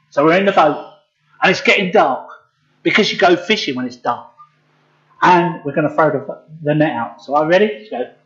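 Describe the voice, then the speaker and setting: A man's voice: fairly high pitch, muffled recording. A man telling an interactive Bible story to children, directing them to act out the scenes. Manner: directs listeners to act parts, animated.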